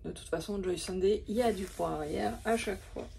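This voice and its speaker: A little hiss or hum sits under this woman vlogger's brisk, mellow, mid-range voice, which carries some vocal fry. She casually shows her craft stock, hesitating often and leaning on fillers.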